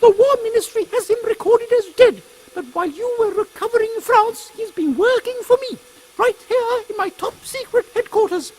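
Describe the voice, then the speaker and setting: A man's voice: very high-pitched, normal speed, slight background noise, low-quality recording. A man voicing a haughty, commanding English queen in a steampunk audio comedy. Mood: brisk, regal. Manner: pompous, regal, commanding. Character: imperious, brisk Queen Victoria, haughty older British woman.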